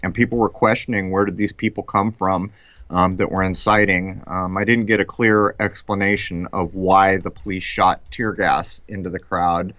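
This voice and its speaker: An American man hosts a casual talk stream in a fairly low voice. He picks through his commentary with deliberate, hesitant phrasing. The sound is muffled and close, with little room to it. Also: steady tone, fairly bright tone. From United States. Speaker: live stream host. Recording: muffled, echoey live-stream call audio.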